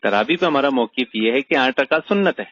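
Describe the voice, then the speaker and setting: A man's voice: mid-range voice, expressive, fairly bright tone, dry recording. Guy lecturing in a debate chat, keeps firing rhetorical questions, muffled dry audio. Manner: argumentative, rhetorical questions, emphatic. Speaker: religious teacher.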